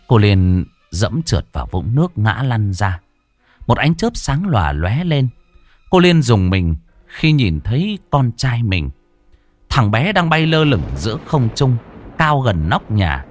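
A man tells a horror story with dramatic, expressive narration. His pitch sits in the middle range and rises and falls a great deal. Soft music plays beneath his voice. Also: a little slow, no echo.

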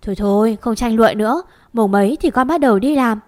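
A woman's voice: on the high side, brisk, a little mellow, natural voice. A woman voicing an old grandmother who scolds fondly and gives homely advice. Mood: chiding.

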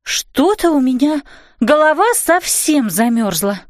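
A woman's voice: high-pitched, very animated, no echo, studio quality. A woman doing a flustered fairy mother. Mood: fretful. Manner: exclamatory, slow emphatic commands.

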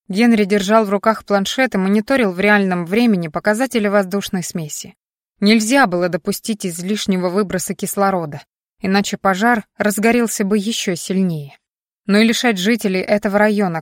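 A woman narrates a science fiction novel as a scripted audiobook, measured and even, her voice dropping low and quiet at the ends of sentences. The recording is dry, with clean studio sound.

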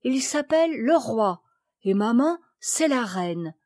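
A woman's voice: lively intonation, takes it slowly, darkish tone, no echo, clean studio sound. A woman voicing a small, trusting little girl who speaks in baby talk. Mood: innocent. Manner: baby talk, high and tender.

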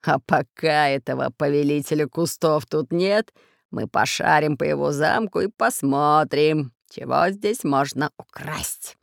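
A woman doing a gruff fat pirate. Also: low voice, unhurried, dry recording, clean studio sound. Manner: gruff, hoarse, grumbling. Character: fat red-bearded male pirate, gruff and scheming. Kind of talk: audiobook character voice.

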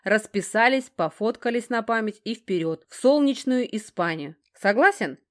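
A woman's voice: a little high, lively intonation, moderate pace, voice pushed up, close to an everyday voice. A woman reading an audiobook, voicing a brash young man who jokes and banters. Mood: bantering. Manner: bantering, roaring, joking. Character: joking, brash young man, blustery buddy. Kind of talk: audiobook dialogue.

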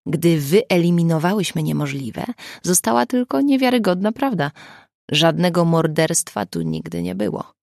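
A woman's voice: fairly low pitch, sing-song, moderate pace, creaky, a little mellow, no echo. A woman reading the lines of a blunt, dry-humored woman friend in an audiobook. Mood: wry.

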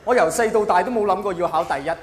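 A stand-up comedian with a Hong Kong Cantonese accent and a high-pitched voice delivers a mock-earnest monologue to a live audience, using dramatic pauses and emphatic delivery. He performs in a large indoor venue, and the echoey hall carries audience laughter and crowd noise.

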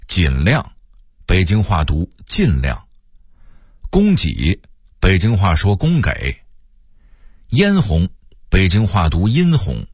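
Older Beijing man, radio storyteller, lively intonation, chatty. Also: deep voice, slightly rough, dry recording, clean studio sound.

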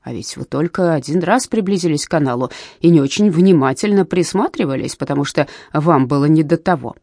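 Brief: woman reader doing an eager, coaxing canal worker in a storybook, lively swooping lines, warm tone. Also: low-pitched, no echo, clean studio sound. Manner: wheedling, drawn-out exclamations. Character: excitable male canal worker, scheming and friendly.

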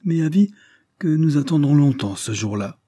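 A man reading aloud who voices a sharp-tongued, gossiping French lady's maid in a raised, mocking voice. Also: on the high side, animated, moderate pace, no room sound, studio quality, voice pushed up. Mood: gossipy. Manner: tart, mocking.

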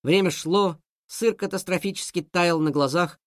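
A man narrating a children's story in a lively, expressive way. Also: high-pitched, moderate pace, no echo, studio quality.

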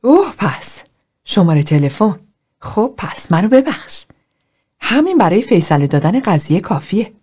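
A woman voicing an outraged woman in group therapy who speaks in a loud, shrill, disgusted way. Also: very animated, breathy edge. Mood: sarcastic.

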